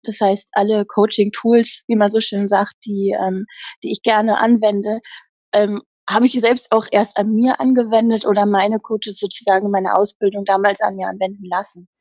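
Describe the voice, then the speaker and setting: A woman working as a happiness coach, talking earnestly in an interview with many pauses and restarts. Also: medium pitch, level tone, darkish tone, dry recording. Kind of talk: casual interview talk.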